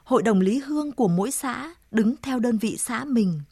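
A woman narrating a story in a slow, measured, solemn reading. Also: a little high, lively intonation, mellow, breathy edge, dry recording.

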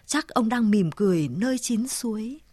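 A woman's voice: fairly high pitch, expressive, moderate pace, warm tone, no echo, clean studio sound. A woman voicing a grieving old grandmother. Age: older. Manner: sobbing, tender, murmuring to the dead. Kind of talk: storybook reading.

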